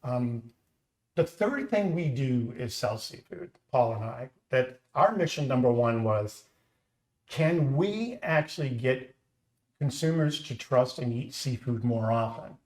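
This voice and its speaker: A middle-aged Boston-accented company founder hosts a casual live-stream chat from his home kitchen, telling his story earnestly. His mid-range voice is animated yet measured in pace and a little mellow, and the room is echoey.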